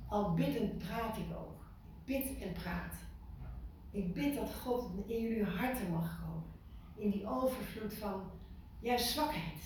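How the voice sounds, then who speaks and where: A woman giving an informal sermon to a small group, lively and full of questions to her listeners, repeating words for emphasis. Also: medium pitch, a little slow. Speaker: preacher. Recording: echoey room from far off, faint noise.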